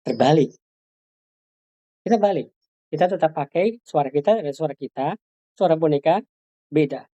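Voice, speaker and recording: A soft-spoken woman leads a hands-on workshop for Sunday school teachers, her voice sitting low and mellow. She explains patiently, with plenty of fillers and restarts as she demonstrates. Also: lively intonation, moderate pace, highs cut off.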